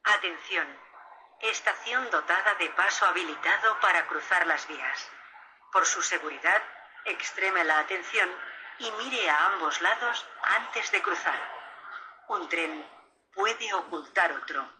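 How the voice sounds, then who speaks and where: A woman reading a formal recorded safety announcement in a measured, even way, heard over a train PA system. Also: on the low side, background noise. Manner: measured, formal, evenly paced.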